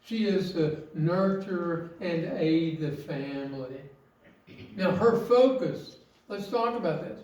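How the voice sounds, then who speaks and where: A man preaching a sermon, earnest and emphatic, asking rhetorical questions with slow, weighted phrasing. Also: fairly high pitch, darkish tone, distant mic. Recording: very echoey, from off mic.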